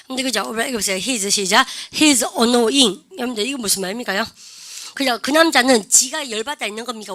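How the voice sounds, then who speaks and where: Woman, middle-aged, chatty drill-style grammar teacher, crisp bright tone. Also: on the high side, no room sound. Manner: drills the class, prompting "시작" and modelling slow English phrases; chatty, keeps asking "아시죠?" and "그죠?". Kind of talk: lively classroom grammar lecture.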